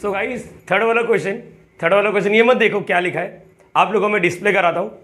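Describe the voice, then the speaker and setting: A man with a high, slightly bright voice teaches math at a quick pace in an easy, chatty, classroom-style way. He repeats key words, counts items aloud one at a time, and constantly asks his students questions.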